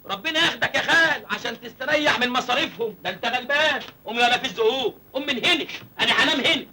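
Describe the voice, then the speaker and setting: A cheeky, penniless village lad in an Egyptian film comedy, talking in a high, bright voice at a rattling speed. He jokes and whines about his hunger and his luck. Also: animated, very fast, a little hiss or hum, exaggerated voice. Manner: cheeky, joking, self-pitying. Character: naive cheeky village man, young, penniless.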